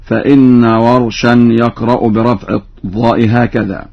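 A man, a Quran reading scholar, giving a radio lesson on recitation variants, explaining plainly and then chanting verse examples slowly. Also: mid-range voice, level tone, creaky. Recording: dull lo-fi radio recording.

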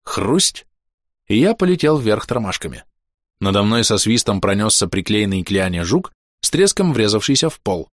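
A man narrating a first-person fantasy action audiobook with brisk, vivid reading. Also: mid-range voice, no echo, studio quality.

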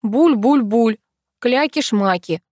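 A woman's voice: a little high, lively intonation, slow pace, a little mellow, dry recording, clean studio sound. A woman reading the part of a teasing young man, the narrator's best friend, in an audiobook, with a playful, mocking manner.

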